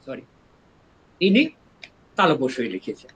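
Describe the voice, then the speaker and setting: An older man from East Bengal with an East Bengali accent, a retired professor giving a scholarly lecture and explaining word origins slowly, step by step. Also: medium pitch, slightly rough, highs cut off. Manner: explains slowly and step by step, lively rises and drops in voice.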